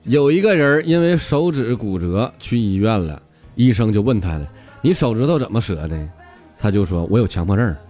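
A man's voice: mid-range voice, animated, moderate pace, a little mellow. A man with a Northeastern Chinese accent telling comic stories in a brash style full of swearing punchlines. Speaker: comedian. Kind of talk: stand-up comedy monologue. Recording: music behind the voice.

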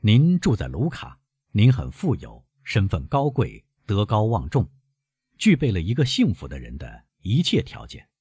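A man's voice: lowish voice, wildly swooping pitch, a little slow, dark tone, slightly rough, no echo, clean studio sound, full character voice. A man playing a suave, probing count. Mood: courteous. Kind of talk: audiobook character reading.

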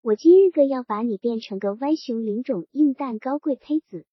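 A domineering, half-drunk middle-aged landlord barks orders and mocks the boy in front of him, voiced by a woman narrator. His lines come out gruff and scornful, though the voice sits high and a little husky. The storybook recording is dull and dry. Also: normal speed, no room sound. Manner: gruff, mocking and bossy.

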